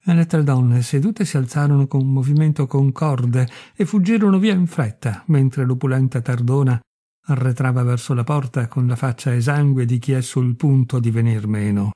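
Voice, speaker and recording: Husky, dark-voiced male story reader. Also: mid-range voice. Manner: measured, expressive storytelling. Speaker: reader of literature. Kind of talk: storytelling reading.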